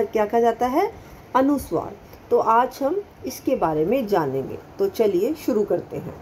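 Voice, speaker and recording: Casting: woman schoolteacher, slow deliberate delivery, mid pitch, faint background hiss. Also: darkish tone, rough recording. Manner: patient, repeats and quizzes with questions. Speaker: primary school Hindi teacher. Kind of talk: slow classroom lesson addressing children.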